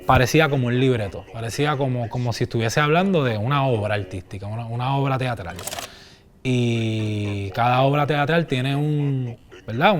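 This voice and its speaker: A man, a stage designer speaking thoughtfully and searching for words in a documentary interview. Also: medium pitch.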